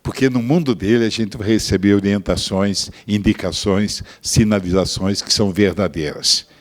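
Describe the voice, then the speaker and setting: An older man, a pastor with a Brazilian Portuguese accent, telling a story in a sermon. He moves between hushed asides and loud, emphatic bursts. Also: lowish voice, steady tone, moderate pace. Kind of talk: sermon testimony.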